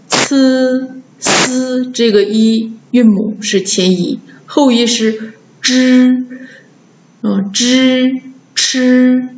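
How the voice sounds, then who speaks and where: A woman teaching Chinese pronunciation, drawing out each model word slowly for her students to repeat. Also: a little high, a little mellow, slight background noise. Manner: slow, drawn-out model words for repeating. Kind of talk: pronunciation lesson. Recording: dull, echoey room.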